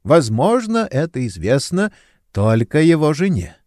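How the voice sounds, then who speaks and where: A mocking young bandit relishes every threat, voiced by a male reader. His voice sits high and carries loud, swinging with a lively, gloating lilt in a dry, close storybook reading. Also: unhurried, no room sound. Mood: cold threatening. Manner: mocking, triumphant, menacing. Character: cruel gleeful young male bandit torturer.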